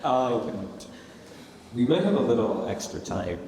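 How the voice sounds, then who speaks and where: A man's voice: mid-range voice, sing-song, measured pace, far from the mic. A man moderating a panel, reading a question hesitantly with fillers. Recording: very echoey hall, faint noise.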